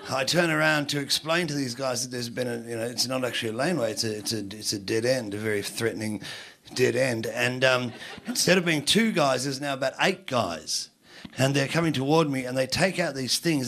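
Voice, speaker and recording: A man's voice: medium pitch, fairly bright tone. An Australian man doing stand-up, telling a long, rambling story with heavy swearing and self-mockery. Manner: rambling, profane, self-mocking with restarts. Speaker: comedian.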